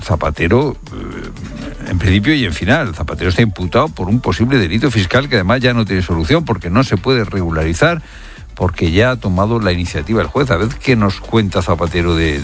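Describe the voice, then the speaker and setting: A male radio presenter with an accent from Spain comments on the morning news. His voice is on the low side, and he phrases things deliberately, with hesitant pauses. Faint music runs behind him.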